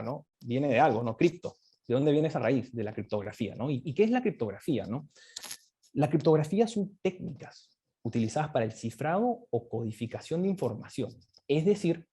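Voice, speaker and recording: A fairly high, dark and slightly rough male voice delivers a slide lecture on crypto economics. The guest speaker builds his explanation gradually and often wraps up each point by tacking on a question.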